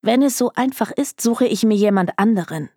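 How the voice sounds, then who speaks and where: A woman's voice: mid-range voice, normal speed, darkish tone, dry recording, studio quality, natural voice. A woman voicing a determined, grieving young woman who asks a detective for help, earnest and pleading. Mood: indignant.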